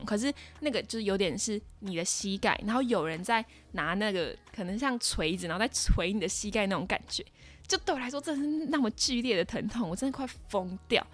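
Fast-talking young Taiwanese woman telling a story. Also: mid-range voice, fairly bright tone. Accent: Taiwanese Mandarin. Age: 20s. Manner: dramatic, exclaiming, lots of fillers. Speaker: podcast host. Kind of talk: casual storytelling monologue.

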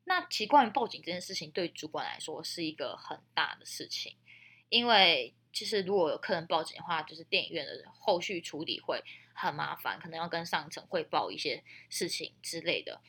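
Casting: young female podcast host, Taiwanese Mandarin accent, lowish but bright and forceful tone, colloquial storyteller. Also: expressive, brisk, breathy edge. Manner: chatty, colloquial, emphatic. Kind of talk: casual storytelling with friendly advice.

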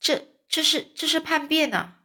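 一位女士扮演一个紧张又老实的年轻男孩水手，声音明显拔高，语气惊慌认真，像故事书朗读里的少年角色。. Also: female voice, fairly high pitch, a little fast, sharp tone, voice pushed up. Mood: anxious. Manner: alarmed, earnest. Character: young male ship boy, anxious and earnest.

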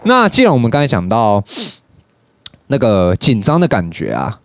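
A young man with a Taiwanese Mandarin accent tells a casual, rambling story into a close, dry studio mic. His voice sits fairly low, and he curses freely between his stories. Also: wildly swooping pitch, moderate pace, dry recording. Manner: swears often, jumps into high-pitched mimicry of others. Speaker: podcast host.

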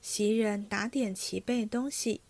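A woman reading a classic novel aloud in an even storytelling manner. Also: medium pitch, measured pace, creaky. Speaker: reader.

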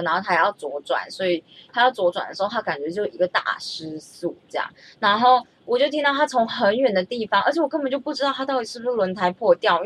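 A young woman, telling a story in a chatty, animated way and stammering when she gets excited. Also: on the high side, slightly rough. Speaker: vlogger. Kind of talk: casual storytelling.

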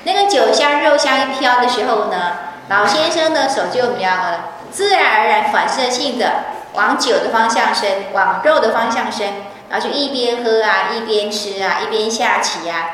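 A woman giving a lively storytelling lecture on a scripture, chatty, full of fillers and questions to the audience. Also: fairly high pitch, moderate pace, hardly any pauses. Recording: echoey hall, far from mic, faint noise.

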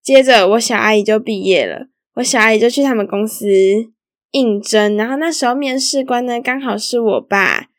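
A young woman chats through her own stories as a solo podcast host, giggly and loose, with fillers all through her speech. Her voice sits a little high. The recording is close and dry, with no room sound. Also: normal speed, dry recording. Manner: chatty and giggly, lots of fillers like 好啦 and 反正. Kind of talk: casual solo storytelling.

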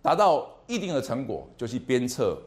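A man lecturing to a university class in a lively, animated way, often repeating words and asking the class questions. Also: medium pitch, moderate pace. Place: lecture hall.

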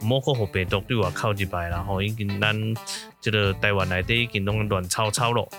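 A man's voice: on the low side, brisk, music in the background. A man hosting a podcast, reading a mock radio news bulletin in a folksy, old-style announcer manner. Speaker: podcast host.

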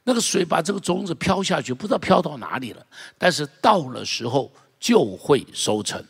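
Male pastor, a bit high-pitched with a gravelly edge, preaches with energy and calls on the congregation to repeat after him. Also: a little fast. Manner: animated preaching, leads the congregation in repeating phrases. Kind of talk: sermon.

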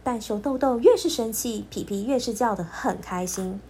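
A woman storyteller narrating a children's storybook in an expressive, lilting voice. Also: fairly high pitch, very noisy. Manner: expressive, lilting, slow and clear.

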